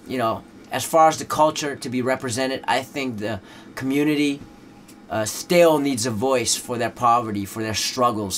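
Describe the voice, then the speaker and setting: This interview features a Dutch rapper chatting in English, which he speaks as a second language, in a loose, laid-back way full of fillers. His male voice is mid-range and fairly bright, and the recording carries a little hiss or hum.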